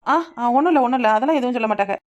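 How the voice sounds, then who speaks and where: A sharp-tongued young village wife, played by a woman in a cartoon, speaking with a Kanyakumari Tamil accent. Her voice sits high and she talks very fast, retorting often. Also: dull audio, lightly acted. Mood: sulky. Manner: sulky, retorting.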